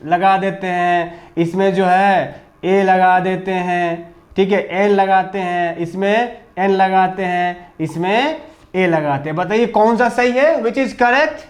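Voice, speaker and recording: A man's voice: high voice, slow. A man teaching English grammar to a class, with a Hindi accent, drilling pupils with repeated questions and answers. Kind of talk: classroom lesson.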